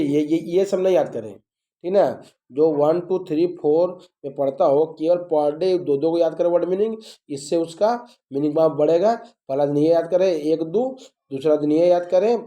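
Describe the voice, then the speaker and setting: Middle-aged male tutor, patient repetitive drilling, soft dark tone. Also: fairly high pitch. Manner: drills and spells words slowly, repeating each form. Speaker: teacher. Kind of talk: lesson on English verb forms.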